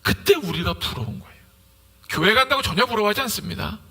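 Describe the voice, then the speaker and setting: A male pastor preaches with a high, very bright voice that swings widely in pitch. A gravelly edge creeps into his lower notes. He acts out little everyday conversations as he preaches. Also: fast. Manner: lively preaching, acting out conversations. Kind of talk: sermon.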